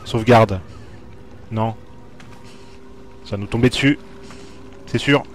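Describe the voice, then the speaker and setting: A man's voice: on the low side, slow pace, slight background noise. A man playing a horror video game and commenting live for viewers, jumpy and talking to the screen. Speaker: let's play gamer.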